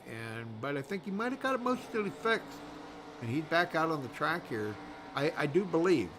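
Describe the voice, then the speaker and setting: A man's voice: on the high side, sing-song, moderate pace, background noise. A man doing live race commentary in a rambling, folksy way, full of fillers. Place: commentary booth at a racetrack.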